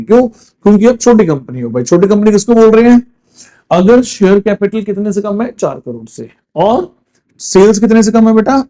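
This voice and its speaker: High, mellow-voiced male law teacher. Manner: mixes Hindi and English, asks and answers his own questions. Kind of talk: classroom lecture.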